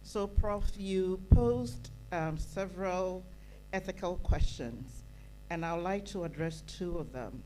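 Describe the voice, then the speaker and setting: A woman's voice: lowish voice, slow, dark tone, faint music behind, rough recording. A woman from Ghana, speaking earnestly from the floor at a conference, repeating phrases for emphasis. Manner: earnest, emphatic, builds with repetition. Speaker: audience member at a conference. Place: conference hall. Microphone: handheld microphone.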